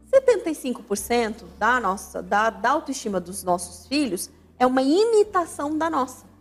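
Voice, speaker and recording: A woman's voice: high voice, very animated, moderate pace, soft background music. A woman hosting a radio talk on family life, teaching in an emphatic, didactic way and repeating key words for stress. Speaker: radio show host and family counselor. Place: radio studio.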